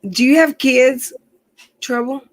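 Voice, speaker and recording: A woman's voice: sits high, fairly even intonation, slow, dry recording, poor audio. Chatty woman in her forties, dry close sound. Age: 40s. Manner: chatty, reads out viewer comments. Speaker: stream host. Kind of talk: casual livestream chat. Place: outdoors near her house.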